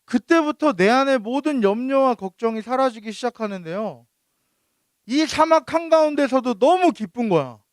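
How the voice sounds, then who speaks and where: A man's voice: very high voice, expressive, normal speed, no echo, studio quality. A youth pastor in his thirties giving a sermon. He tells a personal story and often turns to ask the teenagers questions.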